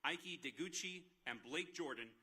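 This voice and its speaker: Bright-voiced man giving a commencement speech. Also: a little high, moderate pace, husky. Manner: earnest, listing thanks at a steady clip. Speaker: university president. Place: outdoor graduation ceremony over a PA.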